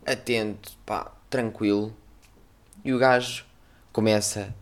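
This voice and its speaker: A young man with a European Portuguese accent tells a story on a casual podcast, his voice sitting on the low side. He acts out the other people in the story, jumping into sudden loud bursts. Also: steady tone, slow. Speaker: podcast host.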